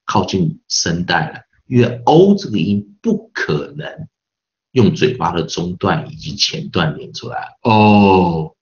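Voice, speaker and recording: A man's voice: low-pitched, sing-song, a little slow, highs cut off. A man teaching English pronunciation in a recorded online lesson with a Taiwanese Mandarin accent, patiently repeating sounds over and over to demonstrate them.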